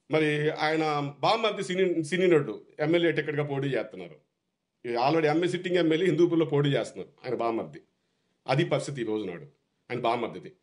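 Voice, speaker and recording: A man, a party activist, delivering an angry, repetitive political rant. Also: fairly high pitch.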